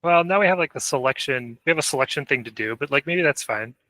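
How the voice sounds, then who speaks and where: A man with a bright, sharp-edged voice chats casually at a game studio meeting. He muses aloud and reacts quickly, at a medium pitch. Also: animated. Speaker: game developer. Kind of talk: casual work meeting discussion.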